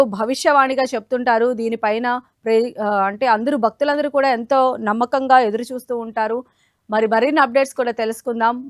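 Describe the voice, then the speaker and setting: A woman presents television news in a distinctly high voice. Her delivery is that of a studio anchor, introducing stories and putting questions to reporters. The sound is very dry, with no room around it. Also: dry recording.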